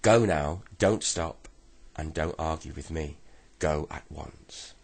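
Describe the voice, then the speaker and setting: Storybook old woman, fierce and scolding, gravelly low voice raised up, as a male reader puts her on. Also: completely flat delivery, measured pace, exaggerated voice. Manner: scolding and shrill. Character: fierce bossy old woman who lives in a shoe.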